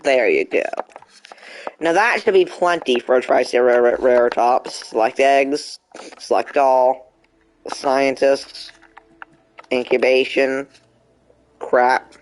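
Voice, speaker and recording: A man's voice: mid-range voice, takes it slowly, pauses often, slight background noise. Young man chatting through a game stream. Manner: chatty, talks back to the game in mock frustration. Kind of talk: casual live gameplay commentary.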